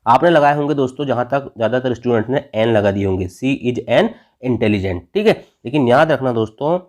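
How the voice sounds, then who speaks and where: A man's voice: mid-range voice, a little mellow. Indian man teaching, asking himself questions. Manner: constantly asks and answers his own questions; tags phrases with "theek hai". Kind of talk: exam-prep grammar lesson.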